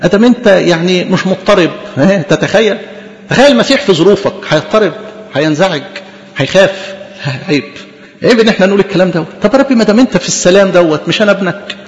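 A man's voice: sits high, lively intonation, rapid-fire. A man with an Egyptian Arabic accent preaching an impassioned sermon, calling his listeners beloved. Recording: dull lo-fi recording with long reverb.

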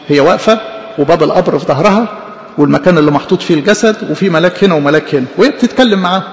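Fast, gravelly Egyptian preacher in an echoey hall. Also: male voice, high voice. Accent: Egyptian Arabic. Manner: animated, poses rhetorical questions and answers them. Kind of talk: sermon. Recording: echoey hall, dull lo-fi sound.

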